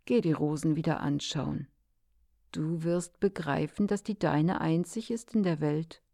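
A woman voicing a wise, gentle male fox in a storybook reading, speaking calmly and softly. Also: low voice, unhurried, vocal fry, no room sound, clean studio sound, heavily acted.

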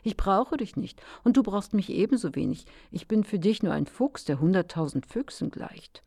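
A woman voicing a wise, gentle male fox in a storybook reading, speaking calmly and softly. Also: mid-range voice, normal speed, creaky, no room sound, clean studio sound.

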